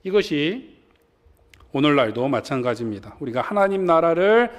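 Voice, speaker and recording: A man's voice: on the high side, big pitch swings, moderate pace. A male pastor preaching a sermon in church, asking his congregation questions as he retells a story. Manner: asks the congregation questions and acts out quoted lines. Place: church sanctuary.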